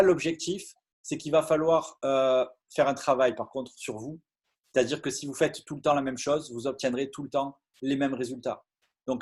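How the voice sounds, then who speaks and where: A man's voice: fairly high pitch, darkish tone, husky. A man giving an earnest motivational talk on a video call, with many fillers and restarts. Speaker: business opportunity speaker.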